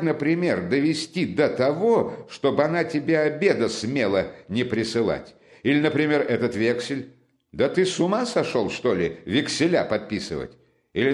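Man playing a talkative excitable young man, boastful, teasing, lively swooping pitch, audiobook character. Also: close to an everyday voice. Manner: animated, chatty, teasing.

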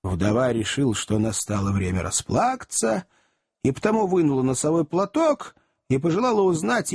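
A man telling a story in the first person as an expressive audiobook narrator, chatting as if to a room of gentlemen. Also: medium pitch, husky.

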